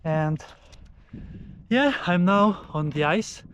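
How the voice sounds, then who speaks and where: Male vlogger, fairly high voice, very slow halting delivery, casual, outdoors with light background noise. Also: expressive, a bit bright, highs cut off. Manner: halting, phrases broken into short pieces. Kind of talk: casual outdoor vlog narration to camera. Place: outdoors at a frozen lake.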